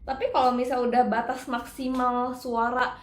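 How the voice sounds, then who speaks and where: A woman's voice: high-pitched, little pitch movement, normal speed, echoey room. A woman teaching singing in a casual, chatty way, breaking into operatic phrases to demonstrate.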